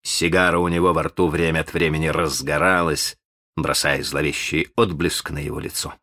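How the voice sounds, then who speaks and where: A man narrating a children's storybook, expressive, with playful asides to the listener. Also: rumbling low, moderate pace, no echo, clean studio sound. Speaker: audiobook narrator.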